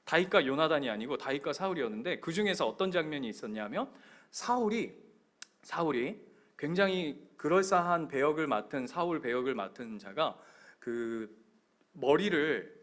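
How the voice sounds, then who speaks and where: A male pastor delivers a sermon in a church, his fairly high voice rising and falling with great animation. He tells stories with energy and keeps turning to the congregation with direct questions. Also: moderate pace. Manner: animated storytelling. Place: church sanctuary.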